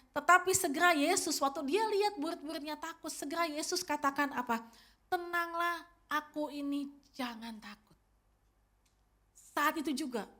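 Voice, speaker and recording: A woman's voice: sits high, a bit bright. A woman in her fifties preaching a sermon as pastor, telling the story directly to her congregation. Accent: Indonesian. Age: 50s.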